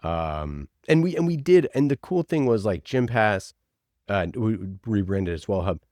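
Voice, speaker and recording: Unhurried and expressive, this man has a lowish, slightly mellow voice, recorded in a clean studio with no echo. He's a podcast producer being interviewed, telling stories in a casual, enthusiastic way that's heavy on "like."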